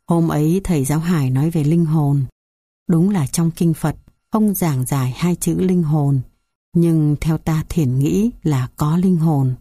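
A woman voicing an elderly male Buddhist monk recalling his childhood, speaking slowly and gently. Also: deep voice, husky, no echo, clean studio sound, exaggerated voice. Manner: slow, gentle storytelling.

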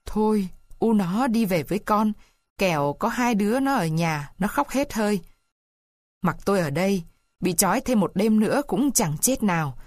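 A woman's voice: medium pitch, animated, moderate pace, no echo, clean studio sound, natural voice. A woman reading a weak, trembling peasant husband. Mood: gentle. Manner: soft, urging. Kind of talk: storybook reading.

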